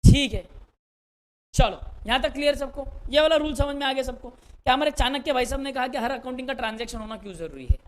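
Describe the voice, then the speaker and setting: A man's voice: extremely high pitch, animated, fast talker. Playful lecturer man, jokey and chatty. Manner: playful, jokey, acts out little scenes; repeats words, talks to viewers directly. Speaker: accounts lecturer. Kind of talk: live online lecture.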